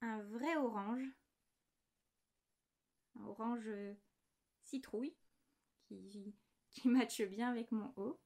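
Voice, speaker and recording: A woman in her thirties with a slightly high voice chats casually from her home desk. She shows off small knitting items, often apologizing and pausing over the little details. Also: darkish tone. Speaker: knitting podcast host. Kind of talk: casual show-and-tell chat.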